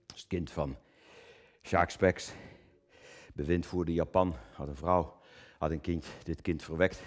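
A man performing a theatrical stage monologue, swinging from booming declamation to low muttered asides, often stammering and repeating words. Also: steady tone, measured pace. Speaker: cabaret performer.

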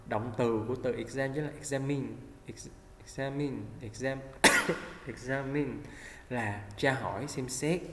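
A male English teacher, speaking at a middle pitch and carefully repeating each word for the class to copy. His voice rings through a roomy space with a long, hall-like echo. A faint hum sits behind him. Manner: patient, repeats words slowly to model pronunciation. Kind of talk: vocabulary lesson. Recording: echoey room with faint hum.

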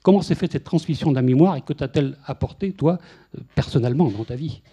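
A man's voice: on the high side, fast, warm tone, slightly rough. A man in his fifties moderating a public talk in a lecture room, holding a handheld mic and explaining at length with a few stutter-starts.

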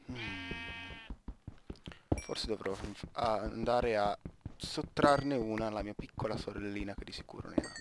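A man's voice: mid-range voice, noisy background. A teenage man from Italy giving casual, rambling gameplay commentary, often stopping mid-word and joking to himself. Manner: rambling, self-interrupting, joking asides. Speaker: gaming YouTuber.

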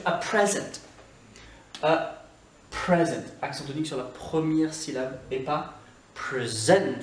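A man hosting a video English lesson, upbeat, repeating English words slowly to model pronunciation, recorded by the camera from a few feet away indoors. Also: on the high side. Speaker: English teacher and channel host. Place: indoor room, moving in and out of camera frame. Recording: echoey room, voice from a distance, faint background noise.

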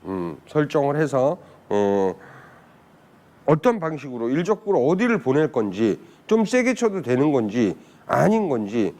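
A man's voice: mid-range voice, very animated, a little slow, darkish tone. A man teaching billiards in a casual spoken lesson, chatting and often putting rhetorical questions to viewers. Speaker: billiards instructor.

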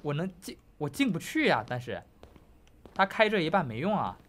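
High, lively young man playing a horror game. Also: normal speed, a little hiss or hum. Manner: joking, talks to viewers, claims not to be scared, yelps at scares. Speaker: gaming YouTuber. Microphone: headphones on, desk mic.

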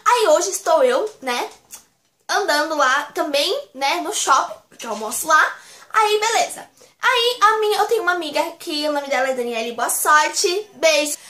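A young woman from Brazil with a Brazilian Portuguese accent, chatting to camera as a vlogger in a gushing, excitable way, repeating words for emphasis. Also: high-pitched, moderate pace, roomy sound. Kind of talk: casual chat to camera.

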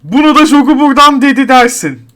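Guy streaming a game at his desk, counts stuff out loud, gets fed up and curses his gear, really swingy voice. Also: very high voice, animated, a little fast. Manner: frustrated muttering, counting numbers, cursing at an item. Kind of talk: gameplay commentary.

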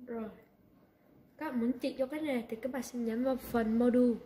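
Woman walking thru a software tutorial step by step, slightly high mellow voice, echoey room w faint hiss. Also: steady tone. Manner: unhurried step-by-step instructions with frequent "đây, đấy". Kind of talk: screen-recorded software tutorial.

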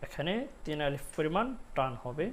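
A man teaching Quran reading, who splits words into letters and repeats each sound. He chants the verses loudly and slowly and speaks his explanations softly. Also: fairly high pitch. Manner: chants the verses slowly and loudly, plain talk soft and quick. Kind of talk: Quran recitation lesson.

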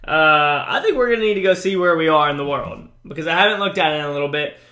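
A man's voice: on the high side, fast, pushed and bright. A young man giving chatty, upbeat commentary on a mobile game he is playing, with frequent fillers and restarts. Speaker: gaming YouTuber. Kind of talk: casual gameplay commentary.

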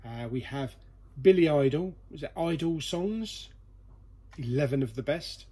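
A man with a slightly high, mellow, somewhat rough voice hosts a casual vlog, joking and chatting as he goes through a collection. He speaks expressively at a measured pace. The setting is an indoor storeroom packed with boxes.

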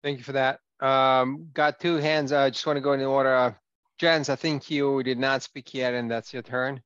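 Smooth, flat-voiced male moderator. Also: mid-range voice, normal speed, no room sound, dull audio. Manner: brief and orderly, calling on speakers.

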